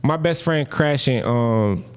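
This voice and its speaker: A man in his thirties from New Jersey telling a story in a casual interview, slangy and animated, acting out the people he quotes. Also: medium pitch, slow, clear, resonant tone. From Paterson, New Jersey. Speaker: guest.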